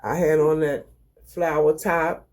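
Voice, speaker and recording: A woman's voice: deep voice, fairly even intonation, takes it slowly, darkish tone. An older woman with a Baltimore accent, telling family stories in a folksy, rambling, casual way. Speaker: mother sharing memories. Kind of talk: casual chat, storytelling.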